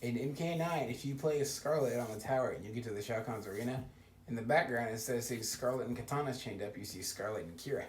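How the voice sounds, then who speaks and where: A young man co-hosting a casual gaming chat, telling lively stories and laughing often. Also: medium pitch, fast talker. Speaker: podcast co-host. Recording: roomy echo, faint noise.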